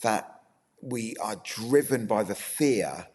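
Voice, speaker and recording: A man talks as a guest on a casual podcast, earnest and animated, and often restarts his sentences mid-thought. His voice sits on the low side. A long reverb trails his words, as if he were in a hall. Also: slow pace. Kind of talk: casual conversation.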